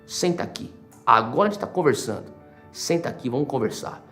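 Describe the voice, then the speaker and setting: A man's voice: mid-range voice, lively intonation, brisk, a bit bright, soft background music. A man voicing a stern, blunt older male pastor who fires probing questions at a newcomer. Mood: firm.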